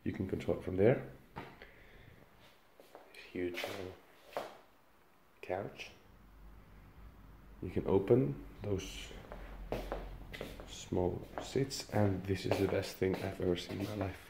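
A man with a very low voice and a gravelly rasp leads a relaxed walkthrough of a furnished apartment, naming each feature as he goes. The handheld recording picks up plenty of steady background noise. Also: slow pace, long pauses. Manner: relaxed, pointing out features one by one. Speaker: property tour guide. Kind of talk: casual walkthrough tour.

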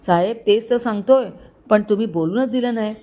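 A woman's voice: medium pitch, a little fast, mellow, close to an everyday voice. A woman voicing a nervous, deferential male chauffeur who pleads with his boss in a storybook reading. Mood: pleading.

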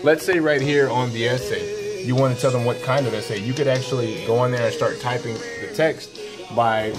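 Music plays under this medium-pitched male voice as a middle-aged teacher leads a casual tech demo for other staff. Speaking at an ordinary pace, he guides them through a computer program in a classroom, cheerfully and folksily describing each click.

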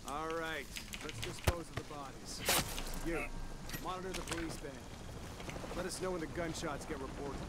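A man's voice: a little high, normal speed, heavy background noise, natural voice. A man playing a cold mercenary boss. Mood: commanding. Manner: curt, giving orders. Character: cold male mercenary leader.

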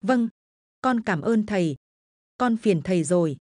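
A woman's voice: medium pitch, lively intonation, unhurried, a little mellow, no room sound, clean studio sound, natural voice. A woman voicing a young village wife in pain, speaking in a pleading, strained way.

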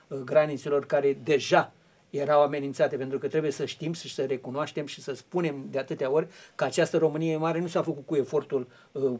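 A man's voice: a little high, darkish tone. A man on a television talk show, explaining history in long, rambling turns full of fillers and restarts.

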